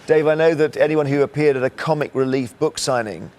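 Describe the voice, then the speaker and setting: A man hosting a television quiz show, reading questions in a measured, emphatic presenter's delivery. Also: a little high, darkish tone, a little hiss or hum. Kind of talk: scripted game show presenting.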